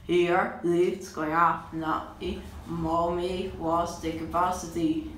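A man's voice: fairly high pitch, level tone, takes it slowly, noisy background. A man filming on a phone indoors, giving casual running commentary in short, simple, clipped remarks. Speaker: amateur elevator video maker. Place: small elevators and car park lobbies indoors. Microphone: handheld phone. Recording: echoey lift cabin and lobby.

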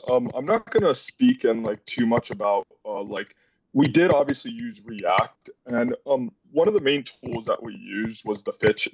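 A Dominican man in his twenties presents a student project casually over a video call, using lots of "like" fillers. His medium-pitched voice is a little mellow with a breathy edge. Heard through a headset, the dry recording sounds dull and distant.

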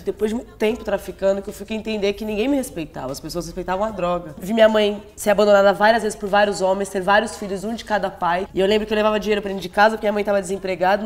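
Fast-talking emphatic young woman. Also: mid-range voice, darkish tone. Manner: emphatic, chimes in often. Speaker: rapper in a panel discussion. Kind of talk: casual round-table discussion.

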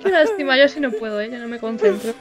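High-voiced giggly woman. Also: expressive, quick pace, over music. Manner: giggly, teasing. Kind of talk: casual chat.

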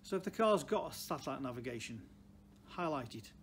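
A man's voice: mid-range voice, expressive, a little fast. A man in his sixties with a Stoke-on-Trent Potteries accent, giving plain-spoken, unscripted advice to camera as a car dealer, with emphatic repeated phrases. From Stoke-on-Trent, England. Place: large indoor car showroom. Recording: clear background noise, showroom ambience.

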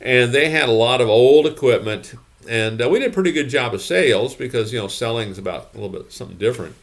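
A man's voice: medium pitch, expressive, quick pace. An older man in his sixties, a gym business consultant, giving emphatic advice to camera from a home office, repeating his points and checking in with "okay?". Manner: emphatic, repeats phrases, frequent "okay?" and "you know".

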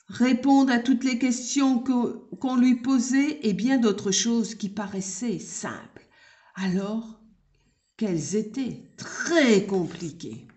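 A woman reads a children's story aloud, taking her time over each sentence. Her voice sits a little high and stays gentle as she tells it.

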